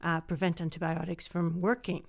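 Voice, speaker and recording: A woman's voice: lowish voice, level tone, moderate pace. A middle-aged woman raised in Portugal, earnestly explaining her microbiology research in an interview. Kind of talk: interview answers.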